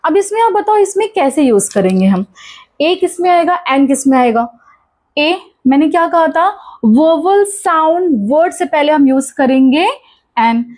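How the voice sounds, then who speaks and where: A woman's voice: high-pitched, expressive, measured pace, a little mellow. A woman with an Indian accent teaching English grammar, asking questions and answering them herself and repeating key points. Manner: mixes Hindi with English terms. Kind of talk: classroom-style grammar lesson.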